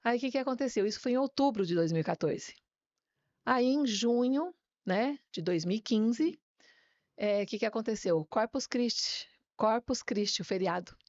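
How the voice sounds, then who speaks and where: A woman pastor telling her personal faith testimony as a guest, a lively storyteller who often ends phrases with a tag question. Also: fairly high pitch, normal speed, dry recording, muffled recording.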